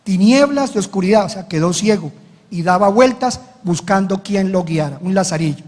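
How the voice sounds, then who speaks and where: A man's voice: high-pitched, animated, moderate pace, a little mellow, in a large hall. A man preaching as pastor, telling a story with dramatic retold dialogue. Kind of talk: sermon.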